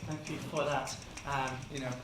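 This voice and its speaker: Flustered woman performer, mid pitch, far off in a noisy echoing theatre. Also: level tone, normal speed. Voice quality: flustered, hesitant.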